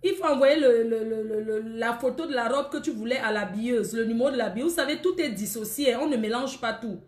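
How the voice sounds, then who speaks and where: Brief: woman, high pitch, teasing and scolding live-stream seller, echoey room. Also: a little fast, a little mellow. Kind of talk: casual live-stream chat with viewers.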